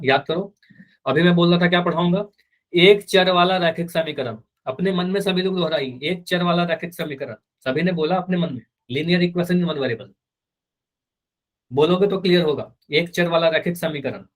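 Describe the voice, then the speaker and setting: A man's voice: high voice, poor audio. A man teaching a live online math class, patiently repeating key points and speaking students' answers for them.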